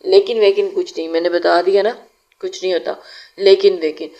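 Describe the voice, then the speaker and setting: A woman voicing a brisk, scolding mother. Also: on the low side, fairly even intonation, mellow, muffled recording, lightly acted. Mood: firm scolding. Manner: firm, scolding.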